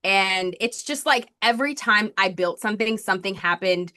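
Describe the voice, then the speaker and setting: The podcast guest, a thirtysomething Colombian woman who works as a marketing strategist, talks at a moderate pace in a mid-range voice that sounds pushed and bright. Her storytelling is chatty and constant, loaded with fillers and "like."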